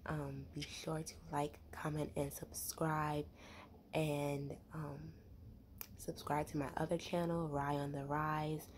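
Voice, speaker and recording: Low, soft-voiced young woman rambling ASMR. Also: flat delivery, slow, slight background noise. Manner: whispery, many fillers, chewing gum. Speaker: ASMR creator.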